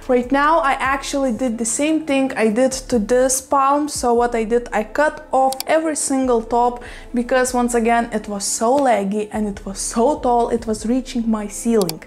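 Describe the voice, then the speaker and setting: A woman with a strong Russian accent chats to her camera at home. Her voice sits a little high. She talks loosely and laughs easily, filling gaps with "you know" and "right?". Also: steady tone, moderate pace. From Lithuania. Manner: chatty, laughs often, says "you know" a lot. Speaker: plant vlogger. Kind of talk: casual vlog chat. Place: home room with plants.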